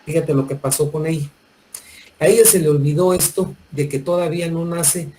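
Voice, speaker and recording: A man's voice: on the high side, mellow, slight background noise, poor audio. A middle-aged man with a Mexican accent lecturing medical students, talking colloquially, addressing them directly and often repeating words as he restarts his sentences. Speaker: medical school professor. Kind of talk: classroom lecture with anecdotes.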